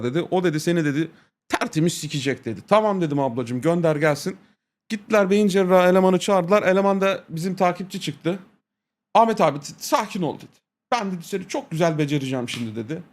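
A man's voice: high voice, a little mellow. A man streaming, telling a crude, profane story in casual chat, laughing often and quoting people with repeated "he said".

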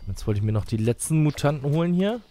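A man's voice: fairly high pitch, sing-song, quick pace, warm tone, a little hiss or hum. A man giving casual, colloquial let's play commentary, musing to himself as he goes.

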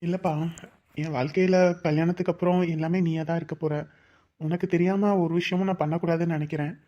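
Actor as an earnest young fiancé, soft and hesitant. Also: male voice, fairly high pitch, steady tone, fast, muffled recording, lightly acted. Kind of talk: Tamil family drama acting.

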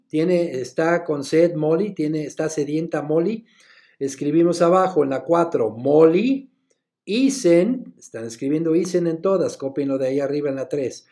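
Guy teaching english, talks real slow, spells stuff out letter by letter. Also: on the high side, dark tone. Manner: switches between Spanish and English. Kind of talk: recorded class lesson.

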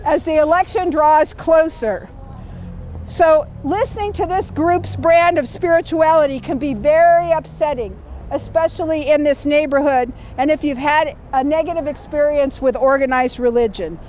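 Woman, high pitch, teacher voice, training a group outdoors over faint street noise. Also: moderate pace, a little mellow. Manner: projecting teacher voice, checks in with the group. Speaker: community training leader. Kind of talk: reading a training guide aloud to a group.

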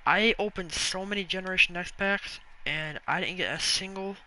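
A young man live-streaming a video game, rambling casually to viewers and breaking into excited yelling and swearing. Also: high-pitched, moderate pace, rough recording. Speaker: gaming streamer.

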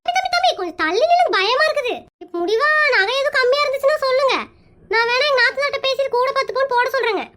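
A woman's voice: extremely high pitch, lively intonation, quick pace, fairly bright tone, a little hiss or hum. A woman voicing a pushy, chatty married aunt in a cartoon comedy, who plays matchmaker and talks. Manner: brash, nosy, rambling.

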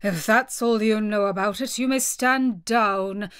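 Woman doing a sharp, bossy storybook king. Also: mid-range voice, measured pace, smooth, lightly acted. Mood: dismissive. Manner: sharp, commanding, emphatic. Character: bossy, impatient, threatening male king judging a trial.

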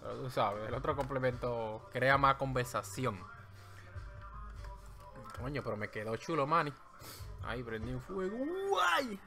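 A man with a Dominican accent chats at home into a desk mic while he draws live, joking and rambling as he goes. His voice sits at an ordinary middle pitch, and clear music plays behind him. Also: moderate pace, long pauses, bright, forceful tone. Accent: Dominican Spanish. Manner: playful, rambling, jokey. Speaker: streamer drawing live. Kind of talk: joking running commentary while drawing. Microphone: desk microphone.

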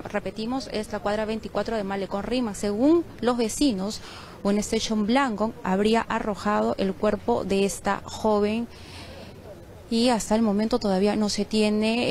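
A woman from Peru delivering a live news report from a crime scene, measured and a little halting. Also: medium pitch, a little mellow, a little hiss or hum. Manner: measured, with frequent fillers. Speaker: field reporter. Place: outdoors on a street at a crime scene.

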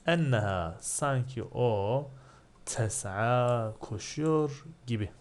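Turkish guy teaching religion, says each word then explains it, slow and kinda low, faint hiss behind. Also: expressive. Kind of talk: line-by-line translation lesson.

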